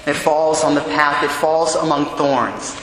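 A man, a priest, reads the gospel and preaches a sermon in a large church, in a measured, solemn way, and his voice rings with cathedral echo. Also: fairly high pitch, fairly even intonation. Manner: measured, solemn reading that turns earnest and quick in the homily. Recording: cathedral echo with long reverb, faint hum.

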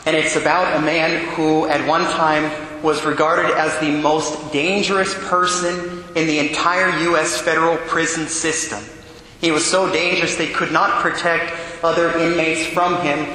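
A man, a priest, reads the gospel and preaches a sermon in a large church, in a measured, solemn way, and his voice rings with cathedral echo. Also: fairly high pitch, sharp tone. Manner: measured, solemn reading that turns earnest and quick in the homily. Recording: cathedral echo with long reverb, faint hum.

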